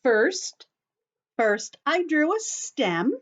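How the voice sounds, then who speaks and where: With a high, very animated voice and drawn-out words, a story-time teacher demonstrates a craft for young children. She goes step by step, speaks to them directly, and keeps her instructions simple.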